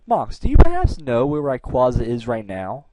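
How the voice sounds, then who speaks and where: A man voicing a grave male former gym leader from a video game, reading slowly and solemnly. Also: medium pitch, huge pitch swings, dark tone, dry recording, poor audio.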